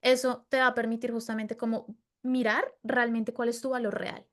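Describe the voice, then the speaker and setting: A woman's voice: a little high, flat delivery, moderate pace. A woman from Latin America hosting a casual interview, talking earnestly with fillers like "como" and tag questions. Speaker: podcast host.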